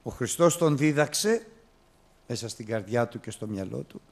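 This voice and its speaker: A man preaching a sermon, telling the story with lively, acted-out storytelling. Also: mid-range voice. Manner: animated storytelling, acting out biblical characters with raised, excited voice.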